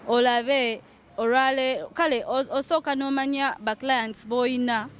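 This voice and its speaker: A woman's voice: high-pitched, fairly even intonation, a little slow. A woman with a Ugandan accent, a market vendor, explaining her trade in an interview and mixing in English phrases. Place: community market. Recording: clear ambient noise, passing vehicles.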